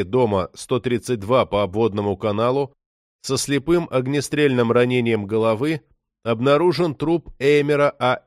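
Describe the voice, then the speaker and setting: A man's voice: mid-range voice, dry recording. Man narrating an audiobook, dry sound. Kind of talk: scripted narration.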